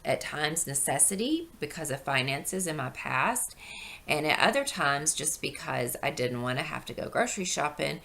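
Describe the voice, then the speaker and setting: A middle-aged woman with a hoarse, wheezy voice from a chest infection, talking in a casual, rambling, explanatory vlog style. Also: low voice, big pitch swings, normal speed, pushed and bright. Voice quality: wheezy, breathy intake from asthma. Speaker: video blogger.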